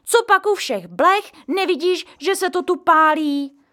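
A woman voicing a harried mother in a storybook reading, scolding and giving sharp orders. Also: very high voice, voice pushed up. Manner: scolding, commanding. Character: harried young mother, stern and shouting.

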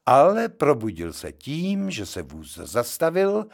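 A man reading a short story aloud as narrator, expressive and animated. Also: medium pitch, creaky.

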